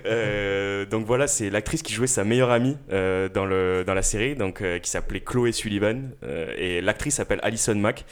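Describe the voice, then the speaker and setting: A young man in his twenties chatting casually as a radio co-host, halting and filling gaps with hesitation sounds. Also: on the low side, clear, resonant tone. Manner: halting, with many filler sounds and restarts. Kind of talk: casual chat.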